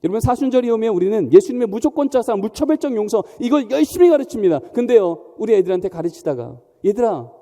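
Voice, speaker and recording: A man's voice: sits high, big pitch swings, fast talker, hardly any pauses, dark tone. A man preaching a sermon in a church, emphatic and often questioning the congregation. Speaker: pastor. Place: large church hall. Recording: long church hall reverb.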